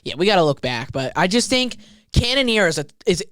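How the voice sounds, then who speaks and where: A man co-hosting a casual podcast, his pitch leaping up and down as he rambles through fight talk. He keeps stacking fillers and restarts, and the sound is dry and close. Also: fairly quick, no echo. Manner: animated, rambling, lots of fillers. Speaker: podcast co-host. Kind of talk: casual chat about fights.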